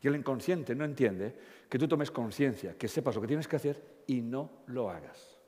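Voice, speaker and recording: A man's voice: mid-range voice, expressive, normal speed, a little mellow. A man giving a live talk, blunt and joking, often asking the audience questions. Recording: long hall reverb.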